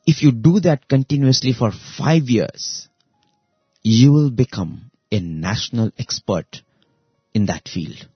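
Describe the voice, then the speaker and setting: A man hosting a radio show, giving a reflective spiritual talk in a slow, deliberate way with long pauses. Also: mid-range voice, animated, husky, no room sound, lo-fi sound, soft background music. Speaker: radio host.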